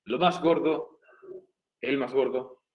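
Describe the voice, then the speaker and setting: In a recorded online class, a male English teacher patiently walks through grammar step by step, repeating and spelling out each point. His voice is medium pitched and slow, and the recording is rough.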